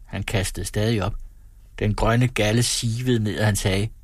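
A man reading a novel aloud in an even, measured storytelling voice. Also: lowish voice, breathy edge, dry recording, clean studio sound. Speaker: audiobook narrator. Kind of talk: scripted narration.

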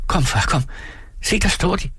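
A man with a husky voice voicing an eager, frail young woman in a storybook reading. He lifts his voice into a breathless, pleading manner for her. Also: sits high, animated, fairly bright tone, dry recording, pitched above the performer's own voice, exaggerated voice.

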